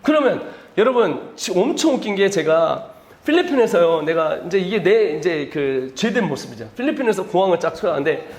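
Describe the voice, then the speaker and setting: A male missionary giving a lively, chatty lecture to teachers and laughing at his own jokes. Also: high-pitched, normal speed. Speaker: missionary speaker at a teachers' seminar. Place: indoor seminar room. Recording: echoey lecture hall.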